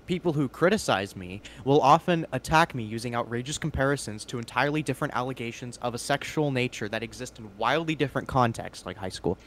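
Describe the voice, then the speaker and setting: A man hosting a stream, reading a long statement aloud and breaking off into crude, excitable remarks. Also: medium pitch, quick pace, hardly any pauses, a little hiss or hum. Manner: crude, excitable, cuts in with loud outbursts. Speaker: stream host.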